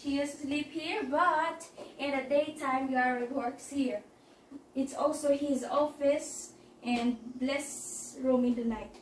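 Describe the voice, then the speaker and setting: A slow, chatty Filipino woman with a high voice and fairly even intonation narrates a casual house-tour vlog as she walks the patio and interior. Her voice is hoarse, broken by throat clearing, and her delivery halts and repeats phrases. Background noise and a distant mic produce a roomy echo.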